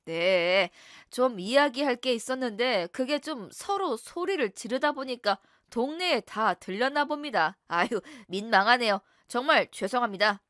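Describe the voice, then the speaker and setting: A woman's voice: a little high, animated, measured pace, few pauses, a bit bright, no echo, clean studio sound. A woman voicing a young husband who bullies and threatens his wife, then turns fake-polite. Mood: falsely polite. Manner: threatening, then smooth and apologetic.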